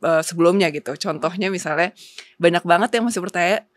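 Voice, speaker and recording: This casual talk show interview features a young co-founder of a company as the guest, her low voice brisk and free of room sound. She works through her points with numbers, lots of filler words, and the occasional English term.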